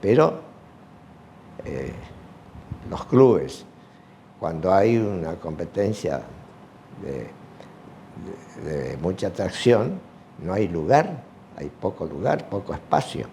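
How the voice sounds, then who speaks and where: Older man, low mellow voice, unhurried halting interview answers, faint hiss behind. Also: very animated, vocal fry. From Argentina. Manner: slow, halting, with many fillers. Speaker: retired sports teacher.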